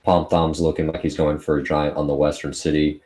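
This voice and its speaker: Very deep-voiced man analyzing a match. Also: little pitch movement, a little fast, a little mellow. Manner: analytical, lays out what each player plans. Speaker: esports commentator. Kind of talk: live game commentary.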